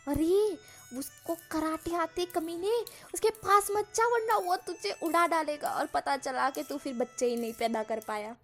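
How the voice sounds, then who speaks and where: A woman's voice: very high voice, a little slow, faint music behind, pitched above the performer's own voice. A woman voicing a cheeky young man who blurts out crude jokes in a storybook reading. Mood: teasing.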